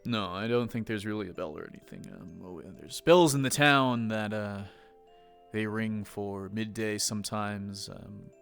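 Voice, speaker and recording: Calm male professor, measured explaining, deep voice, played by a man. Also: vocal fry, soft background music. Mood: informative. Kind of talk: in-character role-play.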